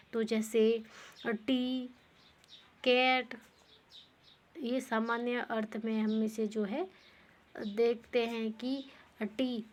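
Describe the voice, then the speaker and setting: A woman teaching pronunciation rules, talking slowly and repeating herself, with many "uh" pauses, who poses questions and then answers them herself. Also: on the high side. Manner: slow and repetitive, with many "uh" pauses. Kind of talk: explaining English pronunciation rules.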